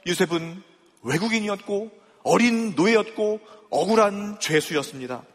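A man preaching a sermon in a fairly high voice, leaning on pointed rhetorical questions to his listeners. His words ring out with a long reverb, as if in a large church hall. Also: normal speed. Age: young adult or middle-aged father. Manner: emphatic rhetorical questions to the congregation. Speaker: pastor.

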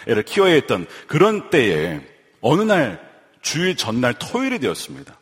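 A man's voice: mid-range voice, a bit bright, slightly rough. A man in his forties preaching a sermon as pastor, emphatic, repeating key lines and asking the congregation questions. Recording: long hall reverb.

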